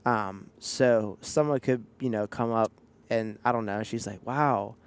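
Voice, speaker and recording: A man's voice: on the low side, fairly even intonation, unhurried, clean tone. A man co-hosting a casual podcast, playfully teasing and telling stories with acted-out quotes. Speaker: podcast co-host. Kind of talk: casual chat.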